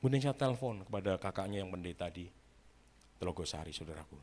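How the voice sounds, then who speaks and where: A man's voice: low voice, expressive, quick pace, a little mellow. A male pastor, telling a story in a dramatic sermon and often turning to address his listeners.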